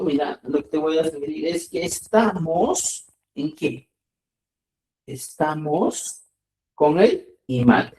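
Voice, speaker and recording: A man teaching a live online language lesson who keeps checking that students follow and slows down to stress key words. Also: high-pitched, a little mellow. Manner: repeats checks like "¿ya?" and "ojo". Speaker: Quechua teacher. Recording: roomy, distant sound.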